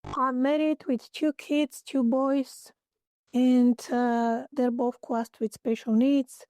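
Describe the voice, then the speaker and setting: A woman with a Bulgarian accent and a fairly high, warm voice talks through an interview. Her speech is halting, full of fillers and pauses while she hunts for English words. The sound is close and dry. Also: steady tone, no echo. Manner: hesitant, searching for English words, many fillers. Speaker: guest, holistic therapist. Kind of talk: interview answers.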